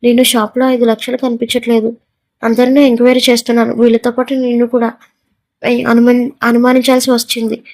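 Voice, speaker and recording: A woman's voice: a little high, level tone, fast, a little mellow, close to an everyday voice. A woman doing a nervous, pleading shop owner. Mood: fearful. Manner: fearful, pleading.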